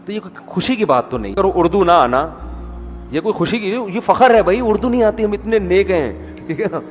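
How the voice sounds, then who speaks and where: Conversational male preacher, fairly high voice. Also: lively intonation. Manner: conversational, rhetorical questions, mimics people. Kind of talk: sermon. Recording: echoey hall with faint music.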